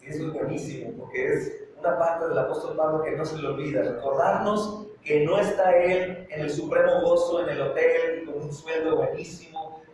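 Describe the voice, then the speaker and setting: A male pastor preaches fervently, his somewhat high voice pressing into urgent, repeated calls. He sounds far from the microphone in a heavily echoing church sanctuary. Faint noise sits under the recording. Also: fairly even intonation, moderate pace, hardly any pauses, a little mellow. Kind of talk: sermon.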